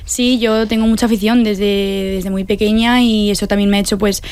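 A woman's voice: medium pitch, steady tone, normal speed, a little mellow, smooth, dry recording. Eager young woman guest from south Madrid. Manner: eager, repeats "sí, totalmente". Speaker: journalism student, guest. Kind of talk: interview answers.

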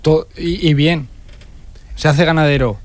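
A man's voice: a little high, fairly even intonation, measured pace, dry recording. Young man giving short replies. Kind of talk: interview answers.

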